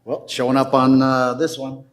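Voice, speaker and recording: An older man addressing a city council, presenting his case formally with slow, deliberate emphasis. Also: medium pitch, completely flat delivery.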